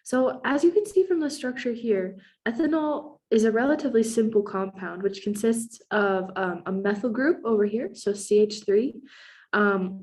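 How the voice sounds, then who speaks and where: A woman's voice: mid-range voice, a little mellow. A young adult woman who has a cold, giving a recorded class presentation as a chemistry student, explaining steadily with frequent ums.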